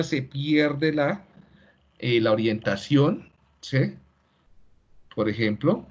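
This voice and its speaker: A man's voice: medium pitch, husky. Male lecturer on a dull, lo-fi call. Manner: explanatory, tags many lines with "¿sí?". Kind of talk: online class lecture. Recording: dull lo-fi video call audio.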